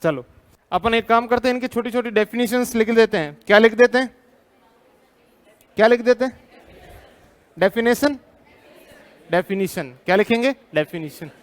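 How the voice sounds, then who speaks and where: A man's voice: very high-pitched, brisk, long pauses, a bit bright. An Indian man teaching a live class, drilling students with repeated questions, firm and teasing.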